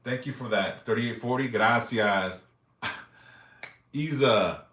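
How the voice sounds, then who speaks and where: A man in his forties answers viewers' yes-or-no questions on a casual live stream, reading each aloud and replying briefly in loose, profane language. His voice is medium-pitched and a bit bright, slow-paced, with a roomy sound.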